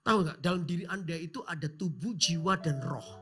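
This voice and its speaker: A male pastor, preaching a sermon by telling a story, dropping to whispers and then rising to loud calls. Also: on the high side, brisk, soft background music. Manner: storytelling with sudden shouts and hushed whispers. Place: church.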